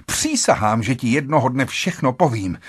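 A man's voice: medium pitch, sing-song, husky, dry recording, clean studio sound. A man reading an audiobook voices a frightened young wife who begs her husband desperately. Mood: pleading, frightened. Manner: imploring, breathless urgency.

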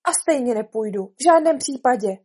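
A spirited girl stands up to a ridiculous court, indignant and defiant. A woman voices her with a mellow, slightly breathy tone. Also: fairly high pitch, expressive.

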